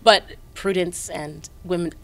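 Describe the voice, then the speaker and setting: A woman stage actor in a casual interview, animated and laughing as she talks. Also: measured pace. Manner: animated, laughing, jumps in pitch.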